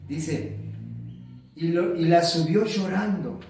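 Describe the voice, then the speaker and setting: High-voiced preacher in an echoey hall. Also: male voice, lively intonation, takes it slowly, darkish tone, far from the mic, slight background noise. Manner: asks the congregation questions and repeats key words. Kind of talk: sermon.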